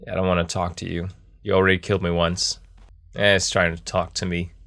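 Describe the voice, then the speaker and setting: A man's voice: low-pitched, level tone, fairly quick, vocal fry, fairly bright tone, dry recording. A man giving casual, joking game commentary, thinking aloud in a laid-back, rambling way as he streams. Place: small office in a camper.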